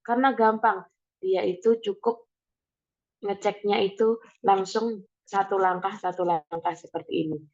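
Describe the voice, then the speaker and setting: A woman's voice: medium pitch, steady tone, measured pace, pauses often, darkish tone, lo-fi sound. A young woman tutoring math over a video call, explaining patiently step by step with many "nah" and "oke". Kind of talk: online math tutoring session.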